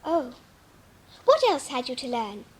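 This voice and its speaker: High-voiced, polite little Alice. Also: female voice, wildly swooping pitch, measured pace, slightly rough, full character voice, low-quality recording. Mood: curious. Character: polite, curious, well-spoken little English girl. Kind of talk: 1950s dramatised storybook recording.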